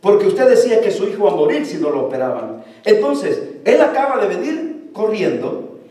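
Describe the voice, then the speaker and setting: A man plays a weeping nurse who explains sad news slowly and sorrowfully. The high voice echoes through a large room, picked up from afar. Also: big pitch swings, mellow. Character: weeping grieving nurse, woman. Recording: echoey hall from far off.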